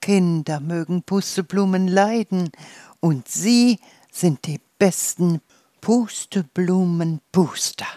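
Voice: medium pitch, slow, dark tone, no echo, natural voice. A narrator putting on a kind dream fairy. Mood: friendly.

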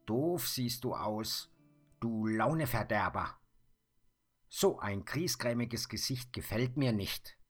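A man voicing a cross, moody little girl in a children's story, in a high, squealing child's voice. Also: lively intonation, slow pace, breathy edge, faint music behind, exaggerated voice. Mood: grumpy.

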